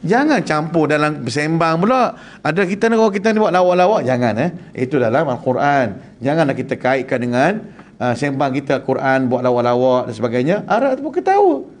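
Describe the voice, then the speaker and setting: A man with a Malaysian Malay accent giving a humorous Quran lesson, telling animated stories with teasing asides. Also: fairly high pitch, fairly quick. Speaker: Quran teacher.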